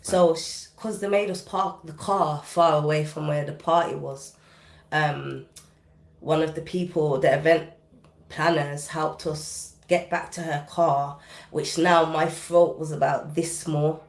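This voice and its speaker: A woman's voice: deep voice, fairly even intonation, unhurried, echoey room. A British woman, a guest recording artist, recounting a personal story in a podcast interview with vivid, intense, casual delivery. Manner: vivid, intense retelling with casual dialect grammar.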